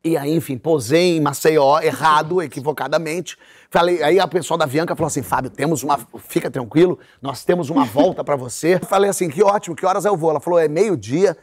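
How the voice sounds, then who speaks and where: A man's voice: a little high, brisk. A Brazilian man, a talk show host, telling a comic anecdote and acting out the people in it. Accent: Brazilian Portuguese. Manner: animated anecdote telling with voiced characters.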